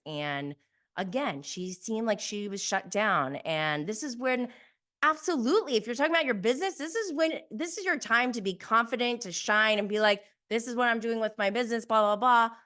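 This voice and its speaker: A woman's voice: mid-range voice, a bit bright. A woman giving a casual, conversational recap of reality TV as a host, opinionated and emphatic in how she makes her points. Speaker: podcast host.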